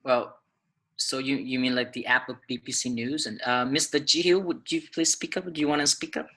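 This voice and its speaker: A man hosts a teachers' webinar from his computer mic. His voice is bright and forward, and he talks hesitantly, with many fillers and restarts. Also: mid-range voice, fairly even intonation, brisk, poor audio. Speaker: webinar host. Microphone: computer mic on a video call.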